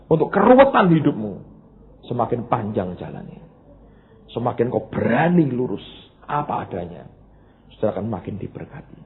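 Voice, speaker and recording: A male pastor, preaching a sermon that jumps between loud, emphatic bursts and low, quiet asides. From Indonesia. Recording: tinny phone-like band, faint noise.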